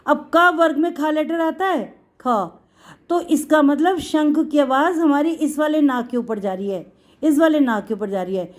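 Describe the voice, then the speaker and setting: A woman's voice: high voice, a little mellow. A woman teaching Hindi to young children, patiently explaining letters and calling them "beta". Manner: patient, drawn-out explaining, addresses students as beta. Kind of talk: children's lesson.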